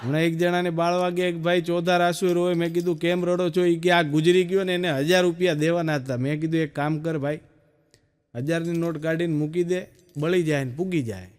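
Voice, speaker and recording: A man with a Gujarati accent telling stand-up jokes, storytelling and acting out quick dialogue. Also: a little high, fairly even intonation, a little mellow, clean tone. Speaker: stand-up comedian.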